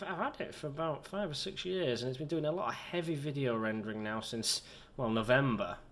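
A man talks over a game at a middle pitch, letting his commentary drift from one tangent to the next. His manner is chatty and self-mocking, as a gaming host thinking aloud. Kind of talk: rambling gameplay commentary.

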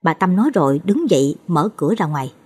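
A woman narrates a ghost story in a low, slightly husky voice. Her pitch moves a lot as she tells it. She shifts her pitch to voice each character's lines. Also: animated, quick pace, a little mellow.

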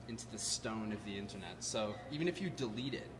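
A young man co-hosts a student show and talks in a loose, casual way, full of "like." His voice carries a long reverb tail in the room, with clear hiss underneath. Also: on the low side, fast talker. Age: young adult. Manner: relaxed, filler-heavy talk with many "like"s. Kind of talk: casual studio chat. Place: indoor student studio. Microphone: handheld microphone.

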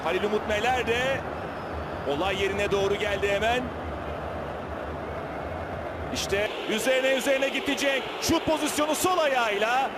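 A Turkish man commentates on live football over loud outdoor noise. His voice sits extremely high for a man, and he delivers the play in urgent, dramatic bursts as an excited, screaming commentator. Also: a little fast. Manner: screaming, excited shouting at chances and goals.

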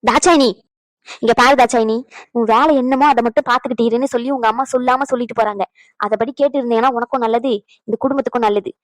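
A woman voicing a stern mother-in-law in a cartoon, scolding loudly and commanding answers. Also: fairly high pitch, steady tone, very fast, dry recording, lightly acted. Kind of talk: cartoon voice acting.

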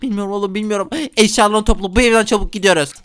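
A jittery, hot-tempered father, as a man plays him in a Minecraft role-play, rattling along at a fast clip. His voice rides fairly high and comes through smooth and clean. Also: fairly even intonation, fairly bright tone. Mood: scolding. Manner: frantic, exclaiming, talks to viewers.

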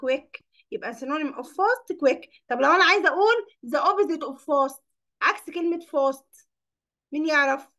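A woman's voice: sits high, expressive, normal speed, fairly bright tone. A woman English teacher with an Egyptian Arabic accent, explaining English vocabulary in Arabic and quizzing her pupils by name. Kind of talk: classroom lesson.

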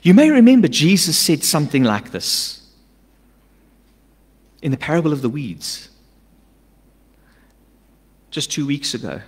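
Middle-aged guy preaching at a pulpit mic, voice sits a bit high, jumps all over, big echoey church hall. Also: huge pitch swings, a little slow, pauses often, breathy edge. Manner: emphatic, swings between loud urgent lines and hushed asides. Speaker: pastor. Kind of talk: sermon. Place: church stage. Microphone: stand mic at a pulpit. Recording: long church-hall reverb.

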